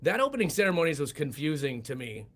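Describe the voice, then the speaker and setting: A man's voice: fairly high pitch, very animated, quick pace. A middle-aged man co-hosting a casual chat, asking questions and laughing often. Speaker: co-host.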